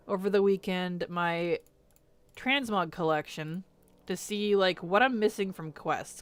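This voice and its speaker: A woman's voice: medium pitch, clear, resonant tone, dry recording. A woman streamer greeting chat casually, laughing often and muttering to herself while she fixes settings. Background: faint music.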